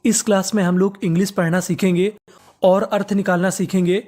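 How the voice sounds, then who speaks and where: An adult teacher, giving a step-by-step lesson, spelling words letter by letter and repeating them slowly. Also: mid-range voice, little pitch movement, a little mellow. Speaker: English teacher.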